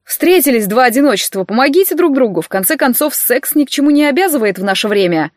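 Женщина изображает напыщенного молодого мужчину-всезнайку. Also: female voice, sits high, lively intonation, fast talker, no room sound, clean studio sound. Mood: pompous. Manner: pompous, sententious. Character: smug young man, self-appointed party judge.

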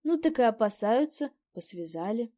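A woman's voice: on the high side, very animated, warm tone. Woman doing a fussy chattering old peasant woman. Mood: grumbling. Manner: fussy, fawning, quick to exclaim. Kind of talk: audiobook character voice.

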